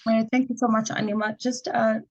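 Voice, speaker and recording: A woman's voice: a little high, little pitch movement, a little fast, lo-fi sound. A woman moderating an online meeting, politely calling on participants by name. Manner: polite, calls on speakers by name.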